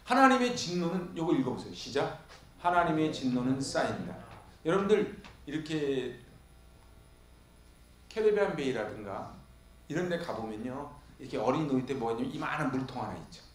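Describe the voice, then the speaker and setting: A man's voice: medium pitch, lively intonation, moderate pace. A male pastor preaching an expository sermon, firing questions at the congregation and answering them himself. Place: church sanctuary. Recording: echoey church hall.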